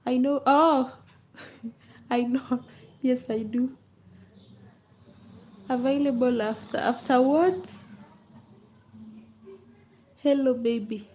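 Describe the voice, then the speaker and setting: A woman's voice: sits high, drawn-out words, pauses often, a little mellow, a little hiss or hum. A woman chatting casually on a livestream, answering comments in a playful, teasing way and laughing often. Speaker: livestream host. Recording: dull lo-fi livestream audio.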